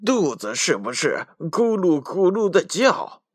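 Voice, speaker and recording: A man's voice: fairly high pitch, very animated, takes it slowly, no echo, studio quality, voice pushed up, heavily acted. A man doing a greedy, boisterous fox. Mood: chatty. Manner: boisterous gloating calls. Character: greedy hungry male fox.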